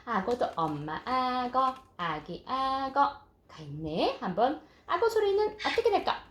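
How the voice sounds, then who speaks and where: A woman's voice: high-pitched, big pitch swings, measured pace, fairly bright tone. A young woman, a mother, reading a picture book aloud to her infant in sing-song baby talk, with frequent coos and exclamations. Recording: echoey room, clear toy and background noise.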